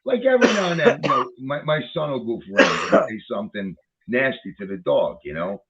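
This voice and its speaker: A man's voice: mid-range voice, sing-song, fairly quick, over a noisy crowd. Ranting man on a tinny line. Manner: heated, swears a lot, repeats himself. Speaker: commentator reacting to a video. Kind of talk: profane ranting commentary.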